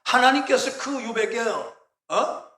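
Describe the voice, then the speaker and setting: A man's voice: very high-pitched, expressive, takes it slowly, sharp tone, echoey room, full character voice. A man voicing a scheming, smug male devil in a sermon retelling, with a wheedling, mocking manner.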